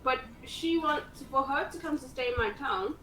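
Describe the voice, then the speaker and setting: A woman's voice: sits high, normal speed, fairly bright tone. A woman telling a meandering, hesitant story in a casual chat with friends. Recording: distant mic, roomy echo, faint noise.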